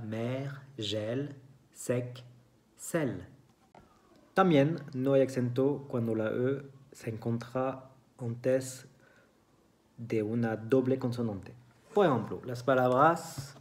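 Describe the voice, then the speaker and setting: Slow, careful teacher. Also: medium pitch, a little mellow. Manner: slow and careful, repeats each example word. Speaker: French teacher. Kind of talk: beginner language lesson.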